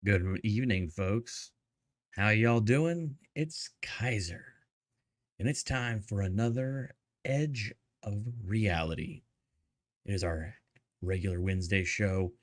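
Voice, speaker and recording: A man's voice: fairly low pitch, slow. A man hosting a live show, casually chatting and greeting viewers in the chat by name. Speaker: livestream host.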